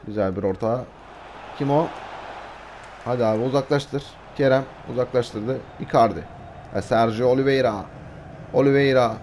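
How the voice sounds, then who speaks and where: A hoarse man, giving excitable live commentary over a football video game and shouting out player names in bursts. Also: medium pitch, moderate pace, pauses often, slight background noise, rough recording. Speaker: gaming YouTuber.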